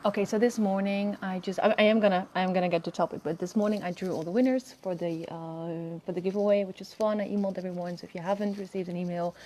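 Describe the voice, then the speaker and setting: Mellow, low-voiced woman vlogging outdoors. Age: early 30s. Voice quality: low, soft-spoken voice. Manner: hesitant, rambling delivery with self-corrections. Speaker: video host. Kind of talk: casual monologue to camera. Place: outdoors on a balcony in open air.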